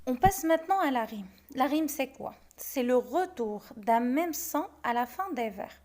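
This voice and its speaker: A woman's voice: sits high, expressive, a little mellow. A young woman teaching a French lesson, explaining step by step and sounding out verse syllable by syllable. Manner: slow, syllable-by-syllable scansion of verse.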